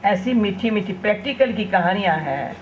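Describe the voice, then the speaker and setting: An older woman, a spiritual teacher, telling homely anecdotes in a gentle spiritual talk, often ending lines with a soft "na". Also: medium pitch, lively intonation, normal speed. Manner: homely storytelling, tag questions with "na". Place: event gathering. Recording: dull lo-fi recording with faint hiss.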